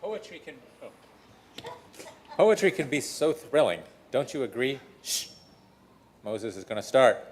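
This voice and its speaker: A man's voice: medium pitch, sing-song, a little slow, long pauses, a little hiss or hum. A man speaking casually, with lines and prompts in an amateur play. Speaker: player and prompter in a congregational skit.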